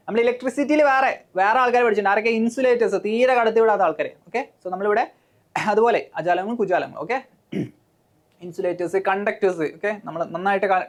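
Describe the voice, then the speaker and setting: A woman teacher with a Malayali accent, coaching students for an exam, explaining step by step with frequent "okay" and questions to the class. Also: mid-range voice. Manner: mixes English terms into Malayalam.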